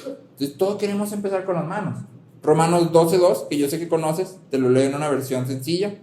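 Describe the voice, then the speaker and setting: A man's voice: fairly high pitch, brisk, warm tone, a little hiss or hum. A man preaching a sermon as a pastor, conversational and full of rhetorical questions and check-ins with the congregation. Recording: roomy hall with faint ambience.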